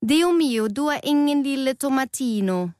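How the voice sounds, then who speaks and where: A woman's voice: lowish voice, completely flat delivery, mellow, no room sound, studio quality, close to an everyday voice. A woman voicing a mocking tomato from a salad bowl who taunts with mock-Italian exclamations. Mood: taunting.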